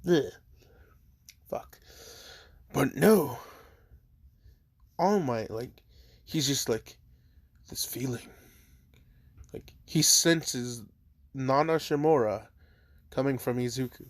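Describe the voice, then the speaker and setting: A man's voice: medium pitch, takes it slowly, pauses often, no echo. A man casually narrating a fan story, rambling with lots of "like," swearing now and then and talking between bites of food. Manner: rambling, lots of "like", swears, talks while eating.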